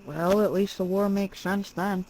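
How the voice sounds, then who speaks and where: A woman's voice: medium pitch, fairly even intonation, a little slow, a little mellow, a little hiss or hum, lightly acted, poor audio. A woman playing the spoiled, whiny teenage daughter of a space emperor in a comedic audio drama. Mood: questioning.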